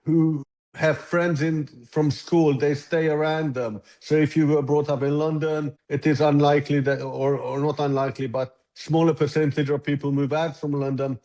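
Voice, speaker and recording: A man's voice: on the high side, little pitch movement, normal speed, dark tone, low-quality recording. A Hungarian-born man in his sixties, a tech founder answering interview questions thoughtfully and often restarting his sentences. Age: 60s. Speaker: app founder and guest. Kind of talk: conversational interview.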